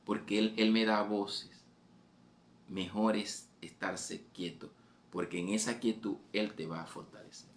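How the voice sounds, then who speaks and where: A man preaching a fervent sermon, repeating phrases and raising his voice on exhortations. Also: on the low side. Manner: fervent, repetitive, voice rising on quoted exhortations.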